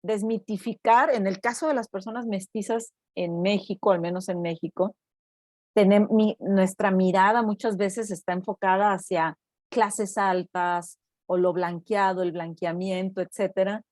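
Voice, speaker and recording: Speaking a little slowly at medium pitch, a Mexican university researcher tells a story in an easygoing interview. She narrates with animation, mimicking the voices she quotes and frequently adding "¿no?" tags. The sound is clean studio audio with no room sound.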